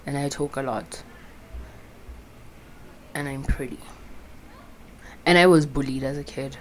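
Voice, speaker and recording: Recorded on a phone with a clip-on mic and some faint background noise, a South African vlogger in her early twenties speaks in a bass voice at a measured pace with fairly even intonation. She chats casually to camera, wandering between topics, swearing liberally, and using local words.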